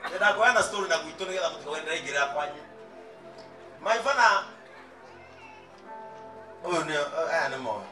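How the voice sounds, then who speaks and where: A man in his thirties preaching in a large outdoor tent on a handheld mic. He tells stories and then shouts his sermon points. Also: fairly high pitch, animated, a little fast, pauses often, far from the mic. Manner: switches from storytelling to shouted preaching. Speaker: pastor. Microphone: handheld mic, pacing the stage. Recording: roomy tent sound, off mic, faint music and crowd.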